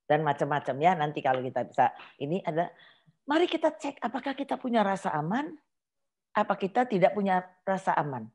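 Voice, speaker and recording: A woman preaching a sermon, telling a personal testimony in a lively storytelling manner and acting out her prayers and conversations. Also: on the low side, brisk.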